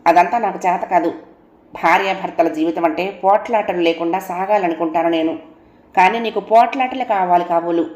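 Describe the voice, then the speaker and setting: A woman's voice: lowish voice, moderate pace, darkish tone, roomy sound, muffled recording, lightly acted. A woman voicing a proud young wife who answers her husband in a cutting, stern way.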